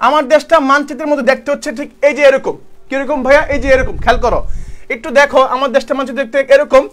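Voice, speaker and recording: A man's voice: extremely high pitch, steady tone, very fast, fairly bright tone. A young man from teaching an online exam-prep lecture, asking questions and answering them himself and repeating key terms. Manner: calls students brother, speaks colloquially. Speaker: online tutor.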